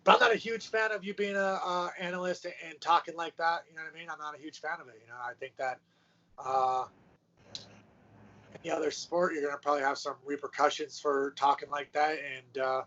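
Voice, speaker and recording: A man's voice: fairly high pitch, steady tone, fairly quick, sharp tone. Laid-back man, muffled sports chat. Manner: laid-back, frequent fillers. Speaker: podcast co-host. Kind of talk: casual sports talk. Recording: muffled lo-fi audio.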